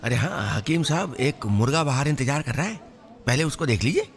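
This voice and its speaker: A man voicing a sly young compounder who talks fast and makes up excuses in a raised, wheedling voice. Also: mid-range voice, very animated. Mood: puzzled.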